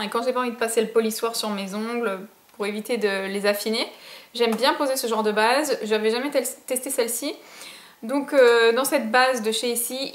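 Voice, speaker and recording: A young woman from France chatting enthusiastically to camera about her beauty purchases, with many fillers. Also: a little high. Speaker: beauty vlogger. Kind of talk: casual haul chat to camera. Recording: echoey room.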